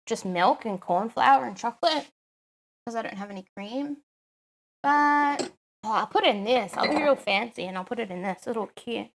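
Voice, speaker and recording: A fairly high-voiced woman talks casually through a cooking live stream. She is chatty and loose, filling pauses with "um" and answering chat as she goes. It sounds like she is in her home kitchen. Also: slight background noise.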